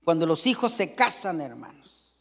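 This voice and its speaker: A man's voice: fairly high pitch, sing-song, normal speed, creaky, long reverb tail. A middle-aged man preaching a sermon in a folksy, joking way, calling out to the congregation again and again.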